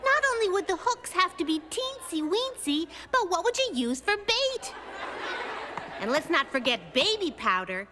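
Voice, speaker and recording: Little Lulu, high-pitched sassy cartoon girl. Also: very animated, moderate pace, sharp tone, exaggerated voice. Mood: playful. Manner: wry, emphatic, childlike. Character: sassy, quick-witted little girl, confident and wry. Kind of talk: animated children's cartoon voice acting. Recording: music behind the voice.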